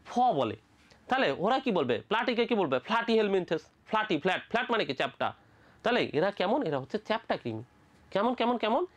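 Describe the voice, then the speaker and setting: A quick-talking tutor from Bangladesh teaching biology for medical admission. The voice swoops up and down constantly, firing questions at the class and answering them right away. Casual, playful asides keep the lecture moving. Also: mid-range voice, fairly bright tone.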